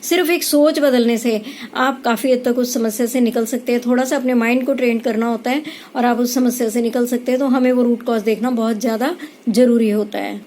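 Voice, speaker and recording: A woman giving a calm spiritual explainer talk as a tarot reader, pausing often with hesitations. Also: fairly high pitch, slight background noise.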